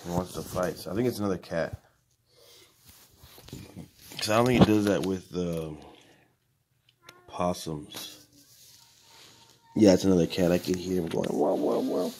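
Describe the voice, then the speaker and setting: Low-voiced man eating and chatting. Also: measured pace, long pauses, a little hiss or hum. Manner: rambling, relaxed, talks to pets and viewers between bites. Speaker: vlogger. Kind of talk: casual mukbang vlog. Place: home, indoors.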